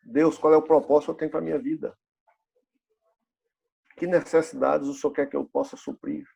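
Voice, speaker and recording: A man's voice: a little high, brisk, vocal fry, warm tone, husky. A pastor in his fifties preaching a sermon in a church, asking the congregation rhetorical questions and repeating key phrases. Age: 50s.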